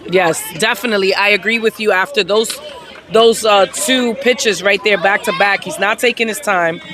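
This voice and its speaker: A woman calling a softball game play by play from outdoors at the field, excitable and hyping each play with shouts. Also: medium pitch, moderate pace, crowd noise. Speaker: play-by-play commentator. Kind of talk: amateur sports commentary.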